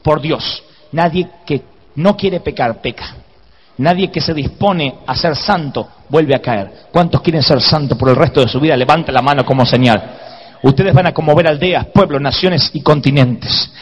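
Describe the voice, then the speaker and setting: A man preaching a sermon, telling a comic story and acting out the shouts and groans in it. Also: on the high side, normal speed, breathy edge, long reverb tail. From Argentina. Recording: dull lo-fi live sermon recording.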